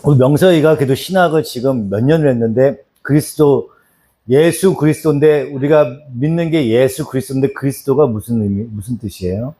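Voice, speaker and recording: A man's voice: medium pitch, fairly quick, dark tone. A man teaching a church Bible lesson, repeating key phrases and calling on listeners by name to answer. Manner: repetitive, drills answers and calls on people by name. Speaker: pastor teaching doctrine. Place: small church.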